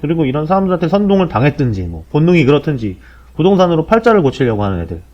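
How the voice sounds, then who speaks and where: A man in his forties talks through the topic like a podcast host, blunt and sardonic, his pitch rising and falling a lot as he rattles along quickly. The sound is a dull, low-bitrate recording. His tone is casual and slangy throughout. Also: very animated, darkish tone. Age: 40s. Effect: low-quality compressed audio. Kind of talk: casual explanatory monologue.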